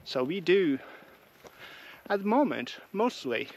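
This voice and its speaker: An English man chats casually to the camera as he walks hilly countryside trails. His voice sits slightly high and sounds friendly and unhurried. Faint open-air ambience runs behind him. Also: very animated, a little hiss or hum, rough recording. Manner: chatty, friendly, talks while walking uphill. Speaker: hiking vlogger. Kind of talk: casual walking vlog chat to camera. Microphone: camera mic while walking.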